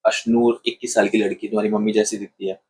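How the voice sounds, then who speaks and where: A man reviewing a television show in casual commentary, retelling events in an animated way and acting out what people said. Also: fairly low pitch, quick pace, breathy edge. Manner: animated retelling, acts out quoted lines.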